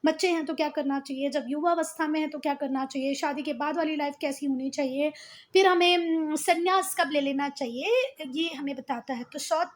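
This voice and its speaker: A woman's voice: high voice, a little fast. A woman teacher giving a lesson in a casual, repetitive style, calling her pupils "beta" and making them say each term again. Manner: talks to pupils as "beta" and "bhaiya", repeats and drills words. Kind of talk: classroom lesson with board writing.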